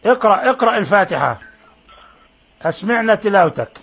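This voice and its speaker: A man's voice: sits high, sing-song, fairly quick, fairly bright tone, slightly rough. A man teaching Quran recitation on a call-in show, patiently correcting each sound. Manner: patient, corrects pronunciation closely. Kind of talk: radio call-in recitation lesson.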